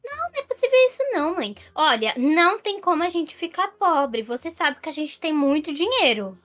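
A woman's voice: high voice, big pitch swings, fairly quick, fairly bright tone. A woman playing a spoiled, snobby cousin in a Roblox role-play story, disdainful and dramatic. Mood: alarmed.

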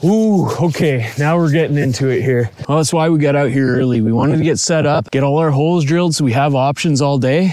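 A man's voice: a little high, fairly quick, few pauses, darkish tone. A man in his thirties from Ontario, Canada, hosting an outdoor fishing vlog in an upbeat, chatty way, recorded on a camera mic out on a frozen lake and inside a small tent. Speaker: fishing channel host.

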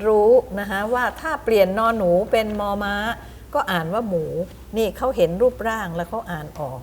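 A middle-aged woman teaches a room of teachers, spelling words out slowly and showing each step. She keeps asking her listeners questions as she explains. Her voice is mid-pitched, with faint noise behind it. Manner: explains with demonstrations; asks the audience questions. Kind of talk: lecture to teachers.

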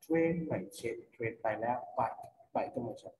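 Thai-accented male teacher, slow and patient phonics lesson, roomy reverb. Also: mid-range voice, a little mellow. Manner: patient, spells words letter by letter, asks and answers own questions. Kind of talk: online English phonics lesson for children. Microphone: computer mic for online class. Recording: echoey, reverberant room.

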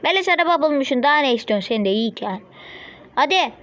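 High-pitched excitable gaming streamer woman. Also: fast talker, highs cut off. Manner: excitable, blurts out sudden high yelps and insults at opponents; chatty running self-talk to viewers. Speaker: mobile game streamer. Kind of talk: casual gameplay commentary.

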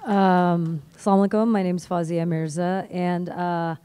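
A woman's voice: lowish voice, level tone, moderate pace, mellow, slight background noise. A middle-aged woman from Canada speaking on a convention panel into a handheld mic, chatty and self-deprecating. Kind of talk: panel talk. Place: stage in a convention hall.

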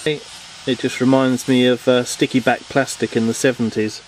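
A boat renovation vlogger films a repair with a handheld camera in an outdoor garden workshop, giving casual how-to commentary. His medium-pitched voice holds a level tone at normal speed over a faint hiss or hum. He's chatty and self-deprecating, rambling along with plenty of ums.

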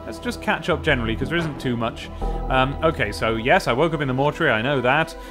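Speaking fast in a mid-range voice, this young adult British let's play host chats casually and wryly about the game while thinking aloud. Game music plays behind him as he sits at a desk in a small room, close to a pop-filtered desk mic.

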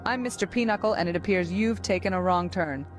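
A woman voicing a dapper male squirrel in a storybook, speaking in a posh, squeaky manner. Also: a little fast, faint music behind, close to an everyday voice. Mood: polite welcome. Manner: posh, polite.

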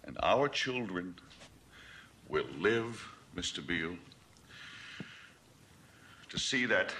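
A male actor portrays a domineering, middle-aged American corporate tycoon, delivering a grandiose, theatrical film monologue in a preaching style with deliberate, emphatic phrasing. His voice sits in the mid-range and is slightly bright, with a faint hiss or hum underneath.

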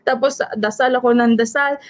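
A woman from the Philippines speaks in a high voice as an interview guest. She is a caregiver, and she tells of surviving an attack in an earnest, shaken and polite way, going through each event step by step. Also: steady tone, normal speed. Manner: polite, adds respectful particles and retells events step by step; earnest and shaken while recounting. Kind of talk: emotional first-person testimony in an interview.

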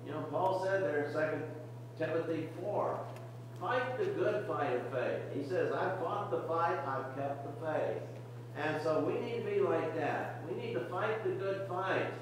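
A man's voice: on the high side, unhurried, a little hiss or hum. Older man preaching in an echoey church. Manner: earnest, repetitive exhortation with frequent restarts. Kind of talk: sermon. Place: church sanctuary, medium size, indoors. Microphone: podium mic, camera far at back of room. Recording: very echoey distant church recording.

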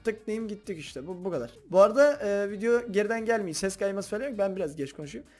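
A man hosting a game video, chatting casually and excitably to his viewers as he plays. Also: high voice, quick pace, soft background music. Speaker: gaming video host. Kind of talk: casual gameplay commentary.

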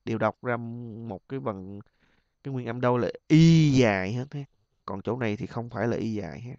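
A middle-aged man leads an exam review lesson at an even pitch. He stretches each example word out slowly, then hurries through his explanation. The recording is dry and a little dull. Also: vocal fry, dry recording. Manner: repeats and drawls example words slowly, then explains in quick asides. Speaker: English teacher.

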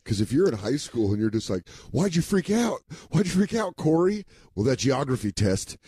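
Husky man cracking deadpan jokes. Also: medium pitch, moderate pace, no echo. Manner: deadpan jokester, acts out quotes. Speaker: podcast co-host. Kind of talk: casual chat.

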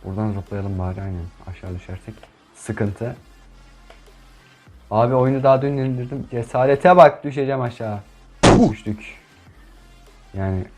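A young man commenting on his gameplay in a casual, chatty way, who gets frustrated and shouts at opponents. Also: fairly low pitch. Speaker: gaming YouTuber.

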